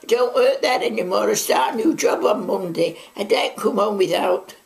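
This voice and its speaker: This Manchester woman in her nineties speaks at a normal speed in a mid-range voice with vocal fry and a Mancunian accent. Interviewed at home in her living room for an oral history, she rambles chattily through her wartime recollections, full of asides.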